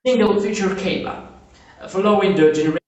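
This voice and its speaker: This man's voice is high-pitched and the audio is dull, very echoey, and picked up by a distant mic. A conference presenter from Morocco with Arabic as his first language, he reads prepared research slides haltingly, with frequent "uh"s and self-corrections.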